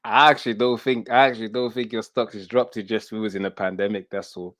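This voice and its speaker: Low-voiced man hosting casually. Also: fairly even intonation, brisk, fairly bright tone. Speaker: host. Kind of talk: casual interview chat. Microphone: headset on a video call.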